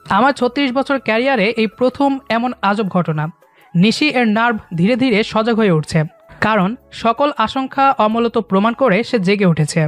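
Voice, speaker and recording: An actor playing a seasoned hospital doctor who speaks in a measured, professional way, mixing in English phrases, in an audio drama. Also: medium pitch, animated, faint music behind, natural voice. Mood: reassuring.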